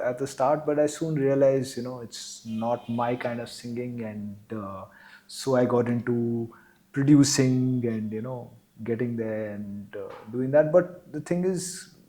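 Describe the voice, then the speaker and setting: A middle-aged man with an Indian English accent and a gruff voice, talking casually as a guest in an interview, drifting between English and Hindi phrases with many fillers. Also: mid-range voice, a little slow, warm tone, rough recording. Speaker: guest musician and producer.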